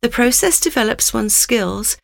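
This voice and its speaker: Narrator, female: raised, animated pitch with a dry, close sound, measured and instructive. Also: vocal fry, no echo. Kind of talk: scripted narration.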